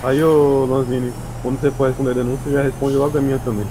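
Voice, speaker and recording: A Brazilian man in a casual gaming chat, speaking extremely fast at an average pitch. Clear vehicle noise runs behind his voice. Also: little pitch movement. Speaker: player in an online roleplay game.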